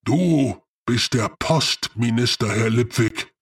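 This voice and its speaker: A man voicing a huge male clay golem who speaks slowly with unshakable calm. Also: medium pitch, breathy edge, recorded from a distance, pitched below the performer's own voice. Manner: slow, even and unshakably calm. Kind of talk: audiobook character voice.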